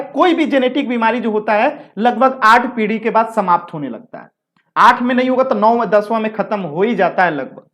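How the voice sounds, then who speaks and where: A man's voice: high voice, fairly bright tone. A male teacher giving a live exam-prep lecture. He is chatty, repeats his points, asks the class rhetorical questions and banters with students between explanations.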